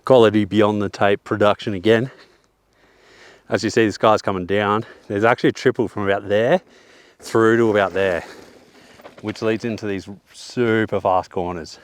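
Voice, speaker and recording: Steady and on the low side, a young man's voice comes through cleanly with no echo at a normal pace. He's an Australian strolling a downhill mountain bike track on a forest hillside outdoors, a bit winded, cracking jokes and using slang in relaxed, casual commentary.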